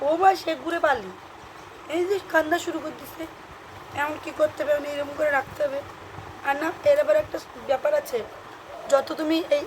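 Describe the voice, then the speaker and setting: A young woman vlogger chatting casually to viewers while she minds a baby, dropping into soft cooing baby talk. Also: sits high, background noise.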